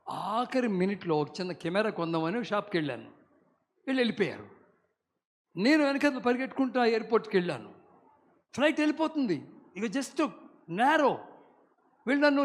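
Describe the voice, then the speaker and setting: An elderly male pastor in his late seventies delivers a fervent sermon in a notably high voice. He preaches emphatically, breaking into loud calls and dropping in English phrases. A long church-hall reverb trails every line. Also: big pitch swings, fairly quick, pauses often. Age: 70s.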